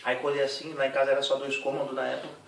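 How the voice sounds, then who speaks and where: A young man giving an animated, slangy spoken testimony in a church setting. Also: mid-range voice, racing, vocal fry. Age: young adult. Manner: slangy, animated storytelling with voiced impressions. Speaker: testimony giver. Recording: echoey room, distant mic, noisy.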